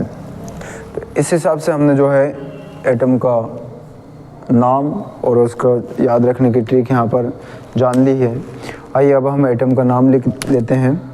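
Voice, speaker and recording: A man's voice: mid-range voice, fairly even intonation, a little slow, mellow, slight background noise, poor audio. A man with a Hindi accent teaching chemistry, patiently repeating a memory trick and correcting his own slips.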